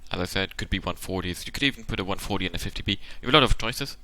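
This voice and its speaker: A man's voice: sits low, rapid-fire, pushed and bright, no room sound. Tired-voiced man breaking down tactics. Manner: explains options at length, thinking aloud. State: tired, worn-out voice. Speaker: channel host analysing a game replay. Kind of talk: casual tactical commentary.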